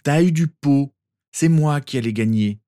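A man's voice: a little high, measured pace, warm tone, pitched above the performer's own voice, natural voice. A man voicing a brash, boastful teenage boy who hates losing in a read-aloud story. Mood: cocky. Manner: cocky, brash.

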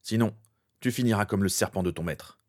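A man's voice: on the low side, a little fast, natural voice. A man doing a grim vengeful soldier. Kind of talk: fan fiction reading.

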